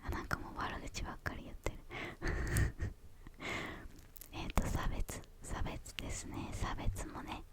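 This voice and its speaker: A young woman speaking in a hushed, breathy whisper, answering questions in ASMR style with hesitant pauses between short phrases.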